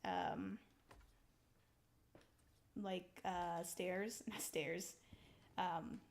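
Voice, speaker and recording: Young woman, gameplay commentary, slow pace, rambling, giggly, filler-heavy. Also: on the low side, fairly even intonation, creaky, a little hiss or hum. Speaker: streamer building in a survival game.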